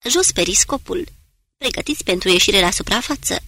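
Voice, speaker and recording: A woman voicing a curt male submarine commander who barks short, loud orders in an audiobook reading. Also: mid-range voice, big pitch swings, dry recording. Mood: commanding.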